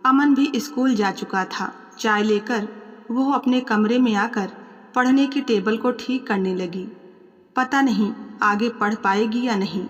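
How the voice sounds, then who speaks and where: Calm, measured woman storyteller, fairly high voice, long reverb on the recording. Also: highs cut off. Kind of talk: scripted story narration.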